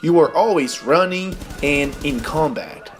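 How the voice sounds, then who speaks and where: A young Brazilian man whose first language is Portuguese hosts a gaming tutorial, explaining gameplay tips step by step in a voice-over. He speaks non-native English with a Brazilian accent, in a slightly high, animated, unhurried voice, with soft background music behind him.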